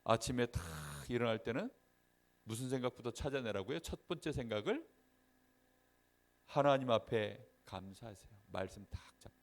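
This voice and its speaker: A man's voice: mid-range voice, normal speed. A man giving a sermon to a children's Sunday school class, asking the children questions and checking that they follow. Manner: lively storyteller, acts out little scenes.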